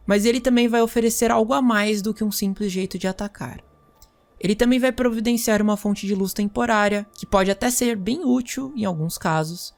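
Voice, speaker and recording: A woman playing a magic teacher, lecturing students in a measured, explanatory way. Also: medium pitch, a little mellow. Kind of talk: scripted role-play lecture.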